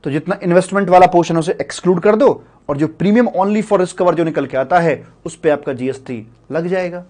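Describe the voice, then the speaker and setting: A man's voice: high voice, normal speed, a little mellow. A middle-aged man teaching tax law in a chatty classroom lecture, full of rhetorical questions and friendly asides to students. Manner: calls students sir and buddy.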